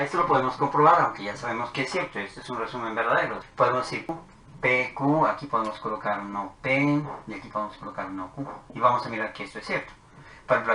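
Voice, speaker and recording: A man explains propositional logic step by step, calmly reading out truth values as he writes them. His voice is bright and forward. The recording rings with room echo over a faint background hiss. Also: mid-range voice. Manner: methodical, talks while writing tables. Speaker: math teacher. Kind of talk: whiteboard logic lesson. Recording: echoey room with faint noise.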